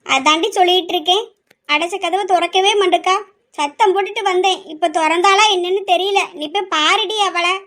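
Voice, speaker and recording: Woman voicing a fretful middle-aged mom, slow, pleading, high and bright. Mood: worried. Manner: slow, pleading, scolding at times. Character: worried middle-aged mother, pleading and weary. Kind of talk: amateur family drama.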